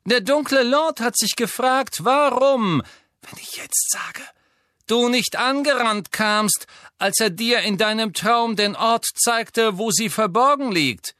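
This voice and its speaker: A man voicing a cold, sneering aristocratic wizard villain with a slow, menacing drawl in an audiobook reading. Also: extremely high pitch, pushed and bright, no room sound, pitched above the performer's own voice, exaggerated voice.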